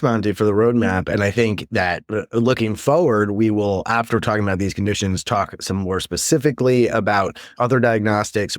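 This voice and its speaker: A lower-voiced man hosting a medical podcast. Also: no echo, clean studio sound. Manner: friendly, welcomes and introduces co-hosts. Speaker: podcast co-host, physician.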